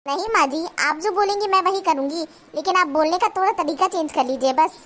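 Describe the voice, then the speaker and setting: Cartoon daughter-in-law, very high bright voice, argues back, voiced by a woman. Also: fairly quick. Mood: reasoning. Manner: retorting, argumentative. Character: young daughter-in-law, sharp-tongued, defiant. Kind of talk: cartoon voice acting.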